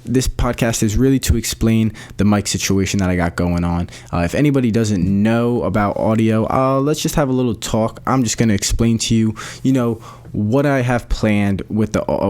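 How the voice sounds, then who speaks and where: A young man with a fairly low voice talks through his podcast plans in a loose, rambling way. His speech is full of fillers, restarts and casual slang. He is recorded at home on a USB microphone. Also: a little mellow. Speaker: podcast host. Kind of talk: casual solo podcast talk.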